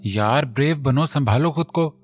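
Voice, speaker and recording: A man voicing a serious, protective young husband who speaks in a grave, measured way. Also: mid-range voice, pitched above the performer's own voice, close to an everyday voice.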